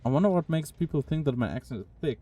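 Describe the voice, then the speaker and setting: A young man with a slightly high, warm, animated voice streams a game, talking quickly. He comments casually and chats with his viewers in a puzzled, talkative manner.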